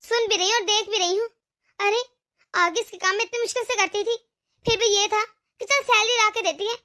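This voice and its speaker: A woman's voice: very high voice, fairly even intonation, a little fast, pushed and bright. A woman voicing a bossy, scheming older mother-in-law in a cartoon, with a nagging, scolding manner. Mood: grumbling. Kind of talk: cartoon voice acting.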